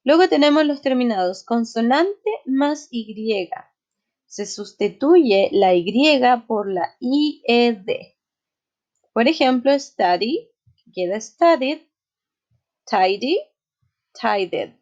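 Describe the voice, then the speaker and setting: A woman teacher walks through a grammar lesson at an unhurried pace, checking in with a quick question after each point. Her voice sits a little high. The recording sounds slightly dull and lo-fi. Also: expressive, a little mellow. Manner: explains step by step, often checks with "¿ya?". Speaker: English teacher.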